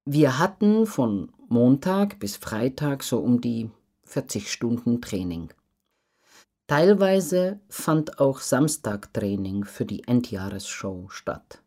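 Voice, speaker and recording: In an interview, a professional circus acrobat with a very low-pitched female voice answers questions slowly and earnestly. Her pitch rises and falls in a lively way, and she expresses her thoughts clearly.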